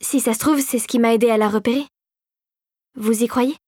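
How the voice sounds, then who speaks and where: A woman voicing an eager, excitable young girl inventor in an audiobook, in a high, breathless voice. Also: brisk, breathy edge, dry recording, studio quality. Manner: breathless, excited, pitched high above the narration. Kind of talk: audiobook character voice.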